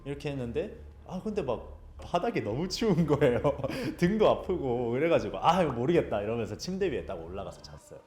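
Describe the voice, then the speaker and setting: Animated man telling a ghost story. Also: mid-range voice, a little fast, hardly any pauses, echoey room. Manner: animated, acts out his friends' lines and his own shouting. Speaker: guest storyteller.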